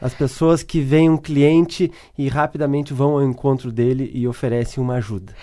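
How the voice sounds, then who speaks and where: A man's voice: mid-range voice, steady tone, normal speed, dark tone. A man with a Brazilian Portuguese accent, a guest speaker on customer service, answering interview questions and telling worked examples. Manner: tells stories and worked examples.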